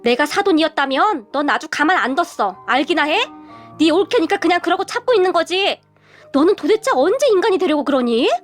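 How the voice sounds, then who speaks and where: Brief: sharp-tongued mother-in-law scolding hard, read by a woman narrator. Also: high voice, fairly quick, soft background music. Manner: scolding, exasperated.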